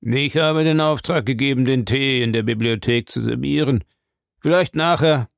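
A man reading an audiobook, voicing a cruel old man who relishes other people's suffering in a slow, savoring way. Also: medium pitch, creaky, no echo, clean studio sound, lightly acted. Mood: curt. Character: cruel gloating old man, castle owner. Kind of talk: audiobook character voice.

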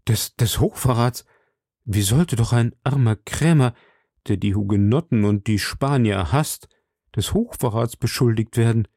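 A timid, frightened middle-aged shopkeeper, as a male reader voices him, hesitant and pleading. The voice is gravelly and sits at an ordinary male pitch, heard close in a dry recording. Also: a little slow, darkish tone, no echo. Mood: anxious.

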